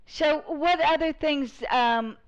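Slow, hesitant woman host. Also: high voice. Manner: hesitant questions, soft interested reactions. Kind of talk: casual podcast talk. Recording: dull lo-fi recording.

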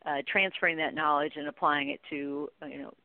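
This middle-aged woman, a contact center training expert, talks as a guest in a conversational interview, explaining things informally and dropping in "you know" often. Her voice sits low with fairly even intonation and a slightly fast pace. The recording comes through a narrow, tinny, phone-like line with no room sound.

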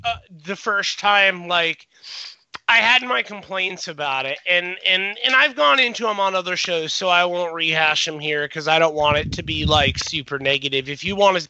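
A man's voice: sits high, moderate pace, pushed and bright, dry recording, lo-fi sound. A man hosting a casual podcast chat, rambling and restarting his sentences often. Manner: rambling, many restarts and repeated words. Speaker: podcast host.

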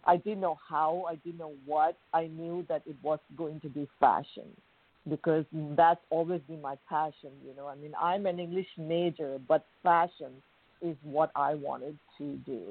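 A Thai woman with a low, steady voice speaks at a normal pace as a guest on a radio interview. She is a bridal designer telling her story in a chatty, enthusiastic way, often saying "you know." The audio sounds narrow-band, like a phone line.

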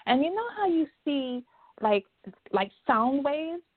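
A woman tells a personal story with animated energy, acting out what people said. Her voice is fairly high. The sound is thin and tinny, like a phone line. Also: slow pace. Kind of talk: casual chat.

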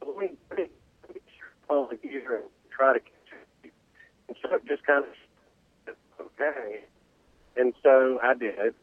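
A man's voice: medium pitch, unhurried, long pauses, husky, dry recording. A male caller telling a rambling story, with many restarts, over a buzzy, glitchy cell call that keeps cutting out. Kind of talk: casual phone-in storytelling. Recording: tinny dry phone line.

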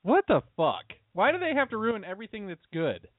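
A man's voice: sits high, wildly swooping pitch, fairly quick, no room sound. A man co-hosting an internet radio show in blunt, profane banter, his voice breaking up over a glitchy call. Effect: voice breaking up over a glitchy, staticky Skype call. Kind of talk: casual banter. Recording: tinny, dry internet call line breaking up.

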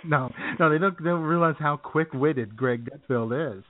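A slightly high male voice at normal speed belongs to a podcast co-host chatting casually. He laughs often and leans on jokes and sarcasm, and the sound is tinny like a phone line.

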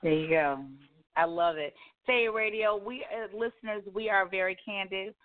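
A woman's voice: mid-range voice, normal speed. A woman hosting a radio talk show, speaking candidly and casually, repeating points for emphasis. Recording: slightly dull lo-fi audio.

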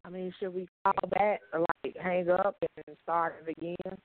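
A woman's voice: lowish voice, little pitch movement, normal speed. A woman on a casual internet radio show, hesitant and unsure, heard through a glitchy phone call that keeps breaking up. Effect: glitchy, breaking-up phone call audio with hiss.

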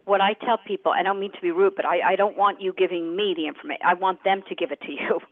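A woman's voice: lowish voice, steady tone, fast, no echo. A woman working as a psychic medium, talking casually and directly in short bursts as she gives live readings to callers. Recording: narrow band, phone-like audio.

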